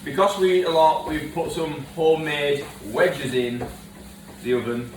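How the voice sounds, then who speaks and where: A man chatting casually while cooking at home, jokey and quick to laugh. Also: on the high side, steady tone. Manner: giggly, jokey, laughs often. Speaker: co-host of home cooking video. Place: home kitchen. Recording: echoey kitchen, mic far off, noisy.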